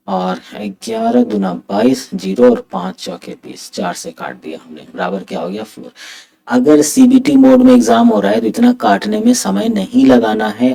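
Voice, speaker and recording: A man teaching an exam-prep math lesson, talking softly on purpose late at night at home and mixing Hindi with English. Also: medium pitch, vocal fry, low-quality recording. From India.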